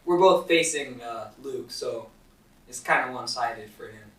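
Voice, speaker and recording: A man's voice: medium pitch, fairly bright tone. A teenage boy joins his friends' podcast, firing off teasing quips and jokes. He sits back from the mic, so he sounds distant in an echoey room. A faint hum sits behind him. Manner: joking, teasing, quick quips. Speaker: podcast co-host. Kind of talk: casual chat among friends.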